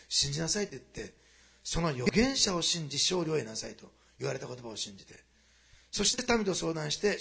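A man preaching a sermon to a congregation, moving quickly between quiet storytelling and loud, animated passages. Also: fairly high pitch, gravelly. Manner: fast, animated preaching that swings from hushed asides to loud climaxes. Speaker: pastor.

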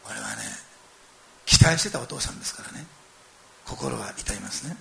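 A man's voice: mid-range voice, moderate pace, creaky. A middle-aged man preaching a sermon, telling a story with animation and speaking straight to his listeners. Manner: animated storytelling, acting out quoted lines and addressing listeners directly. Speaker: pastor.

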